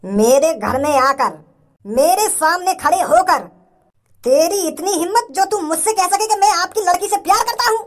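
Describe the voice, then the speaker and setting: Someone voicing a high-voiced short-tempered village father. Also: animated, slow pace, fairly bright tone, exaggerated voice. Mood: furious. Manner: mocking, then bossy and threatening. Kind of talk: cartoon voice acting.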